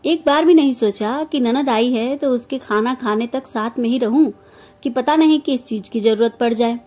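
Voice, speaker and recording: A woman voicing an older, sharp-tongued mother-in-law who scolds and complains in a storybook. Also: fairly high pitch, normal speed, close to an everyday voice. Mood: complaining.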